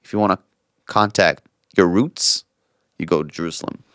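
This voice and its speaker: A young man, co-hosting a casual podcast chat, animated and repeating words as he talks. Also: low voice, moderate pace, clear, resonant tone, no echo, studio quality. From Israel. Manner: animated, does playful voices, stumbles and repeats words. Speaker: podcast co-host.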